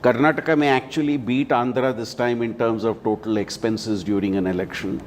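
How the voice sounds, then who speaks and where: A man's voice: steady tone, brisk. A man from Bengaluru, giving political analysis on a live news panel. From Bengaluru, India. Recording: faint rumbling background noise.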